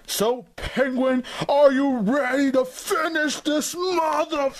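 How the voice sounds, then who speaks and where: A man's voice: very high-pitched, fairly even intonation, a little slow. A man voicing a crude, sweary Santa toy, bantering casually in an amateur comic skit.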